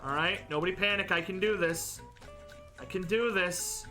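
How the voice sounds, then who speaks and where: Young male gaming commentator, high, bright and rambling, with faint game music behind. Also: moderate pace. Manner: rambling, jokey, full of likes and restarts. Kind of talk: casual gameplay commentary.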